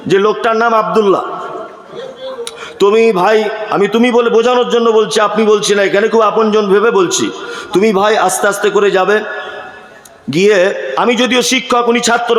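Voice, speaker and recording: A man's voice: high-pitched, a bit bright. A man preaching a sermon at a religious gathering, emphatic and full of rhetorical questions to the crowd. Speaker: Islamic preacher. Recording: echoey hall.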